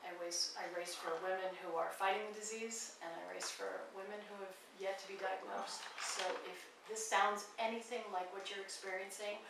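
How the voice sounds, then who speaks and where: A woman's voice: medium pitch, steady tone, moderate pace, creaky, hardly any pauses. A woman in her forties, a radio guest making an earnest, urgent appeal in a passionate way. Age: 40s. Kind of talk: impassioned awareness appeal. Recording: echoey room from far off, faint noise.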